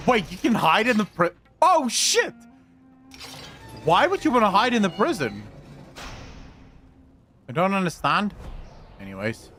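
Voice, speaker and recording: A man's voice: high voice, very animated, moderate pace, pauses often, sharp tone, soft background music. A man doing casual live gameplay commentary in a sweary frat-bro manner, addressing his viewers like buddies. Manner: frat-bro slang, swears freely, calls viewers boys and bro. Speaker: live streamer and video creator.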